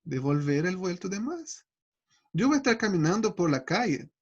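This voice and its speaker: Male Bible teacher, earnest testimony style, husky voice, lo-fi sound. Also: sits high, very animated, normal speed. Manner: earnest personal testimony, acting out his own prayers. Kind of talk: online Bible study teaching.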